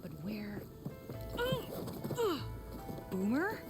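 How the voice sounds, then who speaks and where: A woman's voice: mid-range voice, big pitch swings, measured pace. An actress playing a loyal young woman companion in a video game, earnest and worried. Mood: alarmed. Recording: game audio under loud music.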